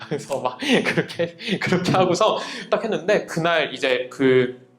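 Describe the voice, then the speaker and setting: A young man, a youth minister, telling a story in a sermon to young people, animated and often laughing as he acts out other people's voices. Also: on the high side, a little slow. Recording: echoey room with faint music. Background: faint music.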